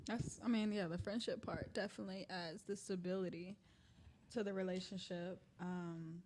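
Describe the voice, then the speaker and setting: A woman's voice: lowish voice, steady tone, normal speed, darkish tone, a little hiss or hum. A woman in her twenties, a guest on a podcast, talking casually with frequent hesitations. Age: 20s. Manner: hesitant, many ums and likes.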